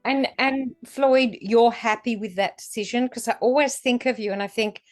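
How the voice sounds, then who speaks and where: A woman's voice: a little high, normal speed, darkish tone, soft background music. A woman in her seventies from country New South Wales with an Australian accent, chatting as an interview guest. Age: 70s. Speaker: guest, theatre-maker. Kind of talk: conversational interview.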